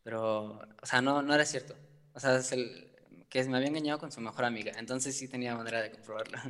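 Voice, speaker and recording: A man's voice: mid-range voice, brisk, a bit bright, slight background noise. A man who is a guest on a talk show, speaking about his feelings hesitantly, with many fillers and nervous laughs. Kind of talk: conversational personal talk. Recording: long reverb.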